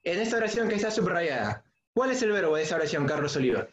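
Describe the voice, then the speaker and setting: A man's voice: sits high, animated, fast. A man teaching an English grammar lesson in on an online class, patiently repeating key points and calling on students by name. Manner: asks students questions by name. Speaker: secondary school English teacher. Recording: dull, echoey room sound.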